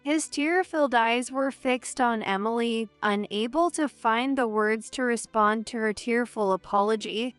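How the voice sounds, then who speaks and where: A woman narrating a first-person drama story in a measured, earnest way. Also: a little high, smooth, no room sound, soft background music.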